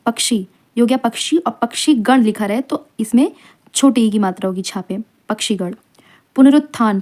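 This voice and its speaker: A woman teacher runs an exam revision lesson on spelling, voiced over slides on a close microphone. Her voice is mellow and warm at a middle pitch. She repeats each word slowly and spells out its letters and vowel marks one by one.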